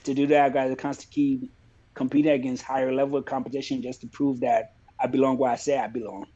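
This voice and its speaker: A man from Liberia who fights professionally, talking about his career in a relaxed, plainspoken way in a casual interview. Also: medium pitch, fast, breathy edge, highs cut off. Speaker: MMA fighter, guest.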